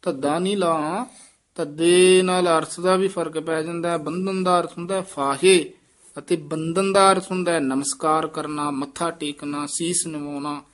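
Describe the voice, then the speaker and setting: A man teaching scripture recitation, reading lines slowly and carefully, then adding quick, quiet corrections on pronunciation and pauses. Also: a little high, fairly even intonation. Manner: slow, careful recitation, then quick soft explanatory asides.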